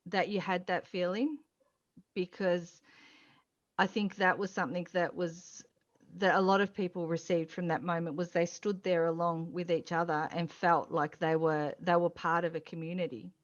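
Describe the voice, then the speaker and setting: Aussie woman on a headset, lively, bit lower voice, muffled sound. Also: moderate pace. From Australia. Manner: lively, mimics others in asides. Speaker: panelist. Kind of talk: video panel discussion.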